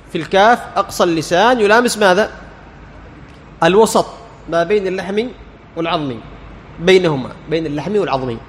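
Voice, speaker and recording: Guy teaching recitation, quizzes the room and says the sounds out loud, faint hiss behind. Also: high voice, long reverb tail. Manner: quizzes listeners and answers himself, sounding out letters. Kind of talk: lecture.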